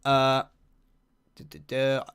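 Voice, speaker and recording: A man's voice: mid-range voice, animated, slow, a bit bright, clear, resonant tone. A young man chatting casually on a live stream, reading chat and rambling with lots of fillers while humming to himself.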